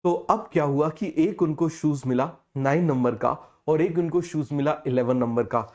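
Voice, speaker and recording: A man teaching a biology class, unwell with a fever, who keeps asking questions and repeating the answers slowly. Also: a little high, a little mellow. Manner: call-and-response questioning, repeats key terms slowly. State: feverish, speaking slower than usual. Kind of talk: online class lecture.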